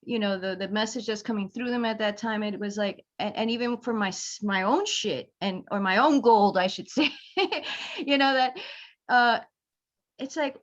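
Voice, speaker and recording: A woman's voice: mid-range voice, moderate pace. A woman talking as a guest in a casual conversation, rambling, laughing and acting out quotes with energy. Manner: rambling, laughing, animated quoting. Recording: slightly dull lo-fi audio.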